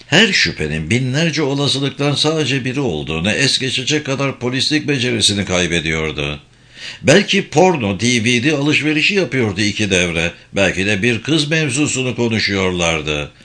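A man narrates a crime novel in audiobook style with a measured, expressive delivery. His voice is bright and clear in tone. His pitch moves widely and lively through each sentence.

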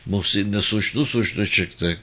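A man narrating a story aloud in a steady storybook manner, adding short footnote asides. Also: lowish voice, unhurried.

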